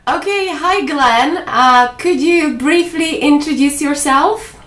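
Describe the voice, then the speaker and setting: A woman who teaches English and hosts a video blog, presenting in a clear, measured way and asking interview questions. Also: high voice, fairly bright tone, far from the mic. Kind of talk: scripted intro, then interview questions.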